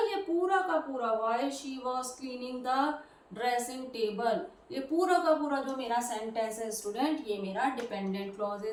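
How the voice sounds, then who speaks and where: High-voiced woman teaching grammar. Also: darkish tone. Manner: patient, explains step by step. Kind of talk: classroom grammar lesson. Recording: roomy echo, voice from a distance.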